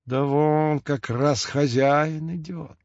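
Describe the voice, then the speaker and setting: A man's voice: fairly high pitch, sing-song, takes it slowly, dry recording, highs cut off, exaggerated voice. A man voicing a ginger mustached tomcat who tells stories, talking solemnly and sighing over his troubles. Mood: anxious.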